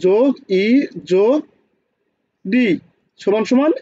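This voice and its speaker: A man's voice: extremely high pitch, takes it slowly, dark tone, lo-fi sound. A man with a Bangladeshi Bengali accent teaching an online accounting class, often asking students questions and repeating key points.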